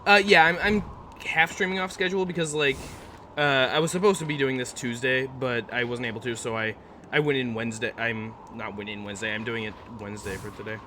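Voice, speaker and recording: A man's voice: medium pitch, steady tone, fairly quick, pushed and bright, slight background noise. Rambling casual male game streamer. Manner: rambling, chatty, talks back to chat. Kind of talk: casual let's-play chat. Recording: game music behind the voice.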